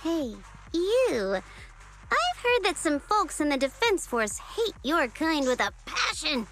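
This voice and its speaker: An actress voicing a cool, wry young woman in a video game who talks someone round with smooth, teasing persuasion. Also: sits high, very animated, takes it slowly, fairly bright tone, faint music behind, exaggerated voice. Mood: coolly persuasive.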